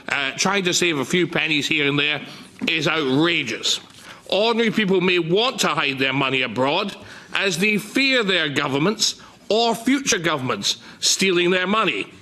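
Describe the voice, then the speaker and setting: An older man making an indignant speech in a formal debate. His voice is bright and forceful, sitting a little high. He leans scornfully on key phrases and stumbles here and there as he rants. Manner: indignant, scornful, emphatic, with halting hesitations. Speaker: politician giving a speech in parliament. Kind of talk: political rant in a formal debate.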